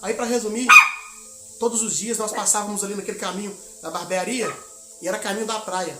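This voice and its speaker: A man's voice: high voice, steady tone, brisk, echoey room, over loud music. A man from Minas Gerais, a missionary preacher, telling a testimony in a sermon, acting out the dialogue of his story and exhorting the congregation. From Minas Gerais, Brazil.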